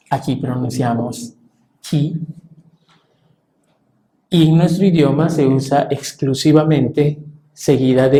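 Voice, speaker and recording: A man explains letter sounds to a class in a steady, measured way, pausing often on fillers. His voice is mellow, and the room gives it a noticeable echo. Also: medium pitch. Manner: measured, halting with frequent fillers. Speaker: French teacher.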